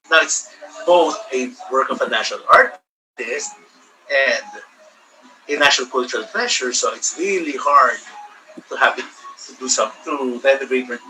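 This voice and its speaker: A man's voice: medium pitch, pushed and bright, recorded from a distance, poor audio. A male architect answers questions over a video call, his audio choppy and freezing, rambling with many "I mean"s. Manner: rambling, hedging with repeated "I mean". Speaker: architect guest lecturer. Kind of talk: online lecture Q&A. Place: home with a TV on. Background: faint TV noise.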